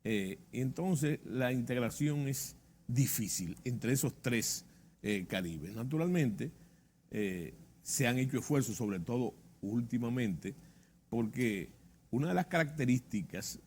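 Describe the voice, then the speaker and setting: A man's voice: medium pitch, animated, a little slow, darkish tone, slightly rough. A man with a Dominican Spanish Caribbean accent explains history conversationally, repeating himself for emphasis and checking that he is followed. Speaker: interview guest.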